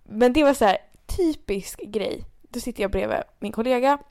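A young woman telling a story in casual chat, animated and swearing, acting out quotes. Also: fairly high pitch. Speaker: podcast co-host.

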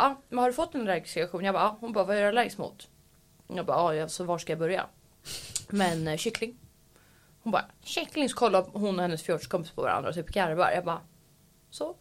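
Animated storytelling woman, swearing. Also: fairly low pitch. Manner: animated, acts out quoted voices, swears often. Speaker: podcast co-host. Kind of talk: casual storytelling chat.

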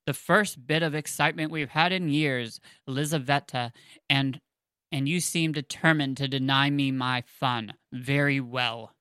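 A man's voice: mid-range voice, unhurried, bright, forceful tone, clean tone, no room sound, clean studio sound. A man reading aloud the lines of a teasing male dragon who is an ancient saint, in a novel. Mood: amused. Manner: read aloud plainly from a novel.

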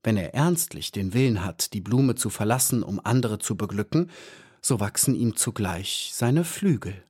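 A man reading an audiobook and voicing a wise male flower elf who speaks calmly and earnestly. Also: on the low side, moderate pace, breathy edge. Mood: serene. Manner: calm and earnest.

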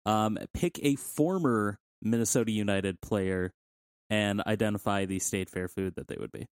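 A man chats casually as co-host of a sports podcast. His voice is on the low side. The recording is dry, with no room sound around him. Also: moderate pace, smooth, dry recording.

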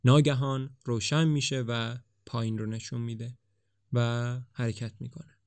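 Male storybook narrator with an even, measured delivery. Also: medium pitch, clean tone. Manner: steady, measured reading. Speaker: audiobook narrator.

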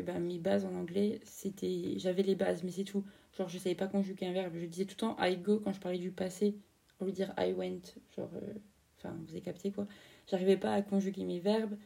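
A young Frenchwoman in her twenties hosts a casual storytelling podcast, chatting away with plenty of fillers and slang. Her mid-range voice is dark and creaky, delivered briskly in a level tone, and the mic sits at a distance.

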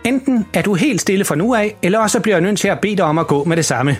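A man's voice: high voice, expressive, husky, soft background music, pitched above the performer's own voice. A man doing a stern woman attendant. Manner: firm, formal announcer tone. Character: strict woman park attendant.

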